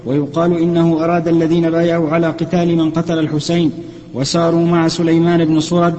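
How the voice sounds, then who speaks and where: A man reading a classical text aloud for his teacher in a lesson, steady and even, correcting himself now and then. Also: on the high side, quick pace, in a large hall, rough recording. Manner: steady, even recitation with small self-corrections.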